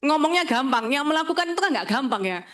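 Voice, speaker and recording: A woman tells her own story as an insurance agent. She is a lively storyteller who acts out both sides of each conversation. Her voice sits a little higher than most women's. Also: fast. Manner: lively storyteller acting out dialogue. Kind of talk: motivational storytelling talk.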